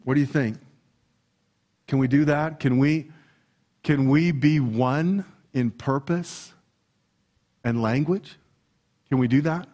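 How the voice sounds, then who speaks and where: A man with a Canadian accent preaching a lively sermon in a church hall, playful and energetic as he talks straight to the congregation. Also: mid-range voice, takes it slowly, long pauses. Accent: Canadian English. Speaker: pastor.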